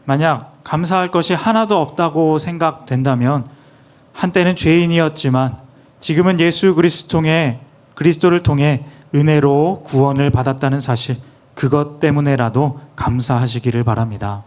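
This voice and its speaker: A man's voice: on the high side, moderate pace, a little mellow. A man interpreting a sermon phrase by phrase, earnest and plain, with small restarts.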